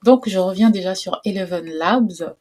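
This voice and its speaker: A woman's voice: mid-range voice, moderate pace, darkish tone, a little hiss or hum. A woman hosting a casual screen tutorial, chatty and hesitant with many fillers. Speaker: tutorial host.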